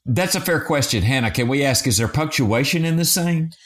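A middle-aged man, a father, chatting on a casual podcast with animated, theatrical asides. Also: mid-range voice, brisk. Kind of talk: casual group chat.

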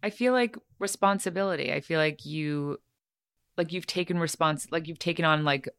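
A woman hosting a podcast, asking her guest questions in a slow, relaxed way with many fillers. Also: low voice, clean tone, no room sound, clean studio sound. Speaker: podcast host. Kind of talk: casual podcast chat.

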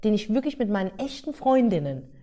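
A young woman telling a party story in casual podcast chat, slangy and animated, acting out her friends' voices. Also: medium pitch, a little fast.

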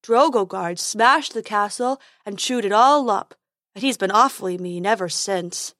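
A woman voicing a stubborn, silly male unicorn who talks slowly and dopily. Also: mid-range voice, fairly bright tone, no room sound, clean studio sound, close to an everyday voice. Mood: gossipy. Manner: slow, dopey, speaks of himself in third person.

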